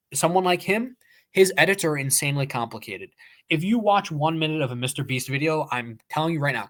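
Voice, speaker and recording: A man's voice: a little high, a bit bright. A man co-hosting a podcast, talking casually and emphatically, with lots of "like" fillers. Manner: talkative, emphatic, many "like" fillers. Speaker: podcast co-host. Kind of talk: casual chat.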